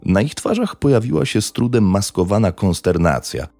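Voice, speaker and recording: A man narrating a true crime story in a measured, dramatic way. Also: fairly low pitch, sing-song, vocal fry, mellow, no room sound, faint music behind.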